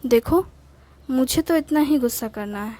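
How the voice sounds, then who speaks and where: A woman voicing an older wife who scolds her husband curtly, sharp-tongued but loving, in an acted story. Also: sits high, moderate pace. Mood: scolding. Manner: scolding, curt.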